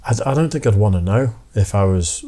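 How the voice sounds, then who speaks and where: A man's voice: on the low side, animated, brisk, dark tone. A man from Britain co-hosting a casual chat, opinionated and dryly joking. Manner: opinionated, dry jokes. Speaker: co-host.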